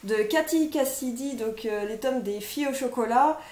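A woman's voice: on the high side, normal speed, darkish tone. A young woman vlogger casually presenting her book pile, hesitant and full of fillers as she names title after title. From France. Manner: hesitant, many fillers, lists titles one by one. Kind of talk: casual chat presenting books. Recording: echoey room, faint noise.

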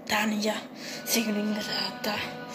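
A woman voicing a male mouse who has become a self-righteous killer, insisting he is a hero, slowly, over music. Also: medium pitch, monotone, close to an everyday voice. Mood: insistent. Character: male mouse brother turned deluded killer.

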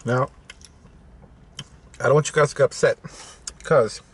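A man in his forties chatting casually to camera in a food video, talking between bites as he eats crispy food inside a car. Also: mid-range voice, steady tone, measured pace. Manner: talking with mouth full between bites while eating crispy fish and chips. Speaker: food vlogger. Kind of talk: casual eating-show chat to camera. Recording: noisy in-car camera audio.

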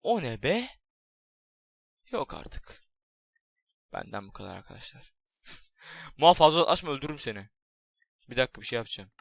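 Excitable young man doing game commentary. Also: medium pitch, normal speed, gravelly, long pauses, dry recording. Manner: excitable, jokey, swears, talks to his pet. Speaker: gaming YouTuber. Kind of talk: casual Minecraft let's play commentary.

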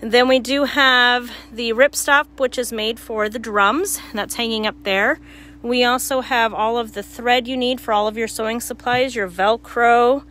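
A woman's voice: on the high side, steady tone, normal speed, a bit bright. A woman giving a casual shop tour as a store worker, her voice slightly muffled through a face mask. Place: small cluttered shop, indoors. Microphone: handheld phone.

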